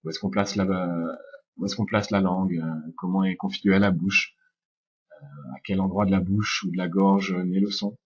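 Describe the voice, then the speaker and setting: A man teaching English pronunciation in French, explaining over slides calmly, with frequent hesitations, slowing down to demonstrate sounds. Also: deep voice, husky, lo-fi sound. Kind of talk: slide-based lesson narration.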